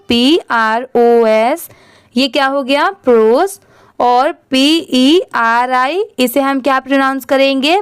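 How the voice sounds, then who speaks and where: A woman teacher giving a reading lesson. She spells words out letter by letter, reads them slowly, and answers her own questions in quick explaining bursts. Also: sits high, clear, resonant tone, dry recording, clean studio sound.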